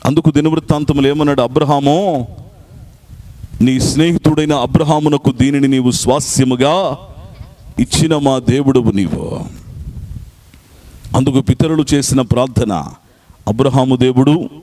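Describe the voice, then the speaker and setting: A male pastor preaching a sermon in a church at a night meeting, repeating scripture phrase by phrase and urging the congregation to answer loudly. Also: medium pitch, moderate pace, pauses often.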